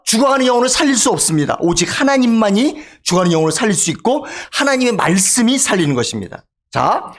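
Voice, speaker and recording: Lively Korean male pastor preaching. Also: sits high. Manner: emphatic, calls for amen from congregation. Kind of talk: sermon. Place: church sanctuary.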